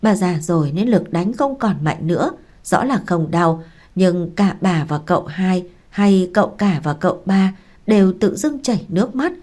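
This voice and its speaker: A woman narrating an audiobook in a steady storytelling manner. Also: on the low side, normal speed.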